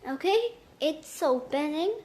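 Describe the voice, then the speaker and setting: A woman hosts a step-by-step tutorial in a high voice. She goes slowly, with halting phrasing that often repeats itself as she explains each step. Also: animated, a little mellow. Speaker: tutorial host. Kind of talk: step-by-step app tutorial narration.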